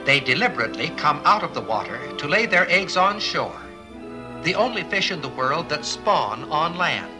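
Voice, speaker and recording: A man's voice: fairly high pitch, big pitch swings, normal speed, music in the background, low-quality recording. A man giving scripted educational documentary narration in an earnest, explanatory way, often posing rhetorical questions. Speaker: film narrator.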